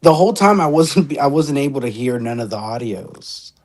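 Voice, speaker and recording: A young comedian in his twenties takes part as a guest over a video call. He keeps a relaxed, unhurried tone with short replies and a middle-range voice. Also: mid-range voice. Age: 20s. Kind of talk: casual online chat.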